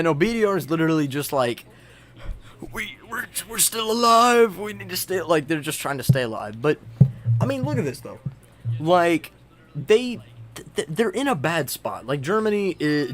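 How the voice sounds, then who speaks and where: A young man narrating a server's border history in casual, rambling commentary full of fillers and restarts while he edits a map. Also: on the high side. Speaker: video creator.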